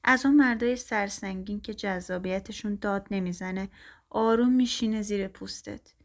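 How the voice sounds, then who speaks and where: A woman tells a first-person story at a mid pitch, calm and even. Her reading is steady and scripted, like a narrated audiobook. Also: gravelly.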